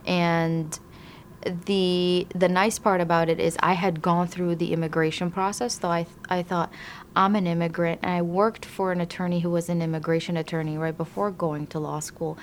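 A woman from Iraq, an immigration attorney, answering interview questions thoughtfully with frequent pauses and restarts. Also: on the low side, little pitch movement, slight background noise.

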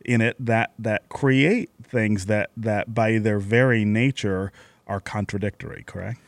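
A man hosting a call-in radio talk show, speaking in a measured way and reading out the phone number. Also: lowish voice, dry recording. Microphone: studio microphone.

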